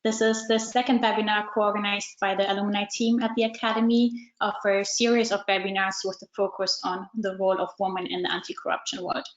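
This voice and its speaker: A woman introducing an online panel as moderator, measured with frequent fillers, over a video call. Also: mid-range voice, flat delivery, roomy sound, lo-fi sound. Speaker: webinar moderator.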